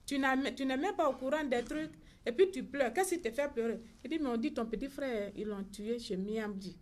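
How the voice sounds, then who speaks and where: A middle-aged woman, giving a halting personal testimony as the victim's mother and retelling conversations word for word. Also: high-pitched, a little mellow. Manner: halting retelling with reported dialogue.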